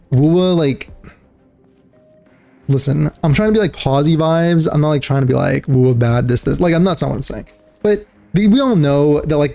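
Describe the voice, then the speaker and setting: A man's voice: medium pitch, dark tone. A young man streaming a game and chatting casually, rambling with lots of fillers and calling people dude and bro. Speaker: livestreamer. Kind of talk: casual gaming chat.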